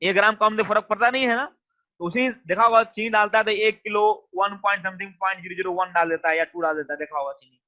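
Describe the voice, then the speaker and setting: Bright high-voiced man teaching online. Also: quick pace. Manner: coaxing, repeats questions to students. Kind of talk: online class lecture. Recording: dull lo-fi sound.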